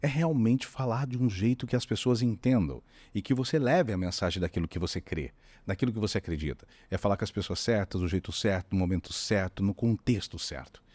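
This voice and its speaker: A man's voice: lowish voice, fairly quick, darkish tone, no room sound. A middle-aged Brazilian man, a communication strategist, explaining animatedly and often acting out voices. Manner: demonstrative, often acts out voices.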